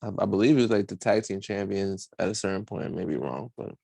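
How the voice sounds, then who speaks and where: Gravelly low-voiced man, laid-back. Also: fast talker, dark tone, no echo. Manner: laid-back, laughing, profane slang. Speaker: podcast co-host. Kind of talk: casual wrestling review chat.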